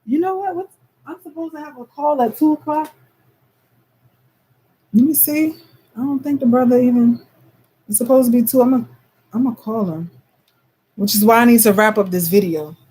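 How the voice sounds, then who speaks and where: A woman with a slightly high voice and talks in a loose, chatty monologue. She keeps checking in with her listeners and now and then slips into a put-on Caribbean lilt. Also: normal speed, long pauses, dark tone, breathy edge. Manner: loose and conversational, frequent "you know what I'm saying". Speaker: vlogger. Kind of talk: casual monologue.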